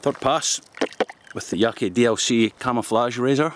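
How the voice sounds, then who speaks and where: A Scottish man in his fifties, with a medium-pitched voice at a moderate pace, chats casually while shaving outdoors in a forest. He jokes and laughs often, speaking to a camera held close at arm's length, and the background is noisy.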